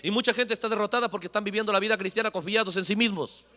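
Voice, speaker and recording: An emphatic male preacher delivers a sermon, often stopping to ask whether his listeners understand and rising to shouts on key points. His voice is high and sharply bright. It rings through a church with a long reverb. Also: racing. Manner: emphatic, keeps asking "understand?". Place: church sanctuary.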